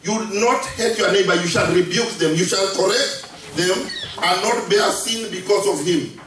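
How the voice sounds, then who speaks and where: A man delivers a sermon with animated energy, reading verses aloud and prompting the congregation to repeat after him. His voice sits high and sounds bright and forceful. It rings through a large, echoey church, picked up from afar with a faint hiss beneath it. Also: normal speed. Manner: animated, calls for congregation responses, reads scripture aloud. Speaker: guest preacher. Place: church sanctuary. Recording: echoey church room from far off.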